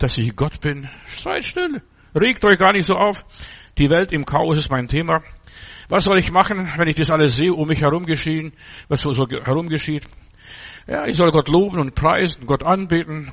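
Fervent older preacher, slightly high voice. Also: male voice, a bit bright. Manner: fervent, repetitive, with halting restarts. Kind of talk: sermon.

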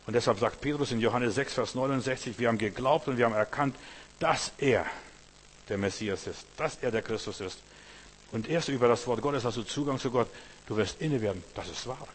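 A man preaching a sermon, emphatic and repetitive, swinging between loud and hushed passages. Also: mid-range voice, a little fast. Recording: long reverb with faint hum.

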